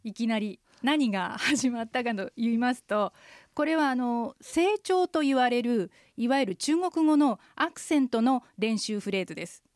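A middle-aged woman co-hosting a radio language lesson, explaining in a clear, steady teacherly way. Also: on the high side, normal speed, no echo, studio quality.

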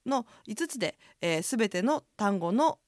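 A woman co-hosting a radio language lesson, chatty and lively, acting out sounds as she explains. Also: measured pace, dry recording, studio quality. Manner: lively, chatty, demonstrates sounds with big pitch swings.

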